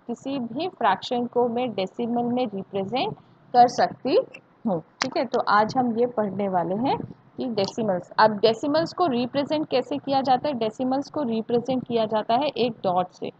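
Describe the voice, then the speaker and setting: An Indian woman teaches maths in a live online class, her slightly high voice a little mellow. She repeats points and asks students check questions, mixing Hindi and English. The audio is dull and lo-fi with faint hiss.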